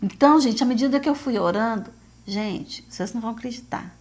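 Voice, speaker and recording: A woman's voice: fairly high pitch, brisk, darkish tone. Earnest Brazilian woman giving testimony. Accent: Brazilian Portuguese. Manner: earnest, addresses listeners as "gente", many fillers and repetitions. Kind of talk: emotional faith testimony.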